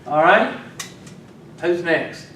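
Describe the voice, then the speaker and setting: Teasing teacher in an echoey classroom. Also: male voice, a little high, animated, extremely slow, pushed and bright. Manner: teasing, talks to students while working. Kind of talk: classroom lecture. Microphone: far from the mic. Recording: echoey classroom from far off, faint noise.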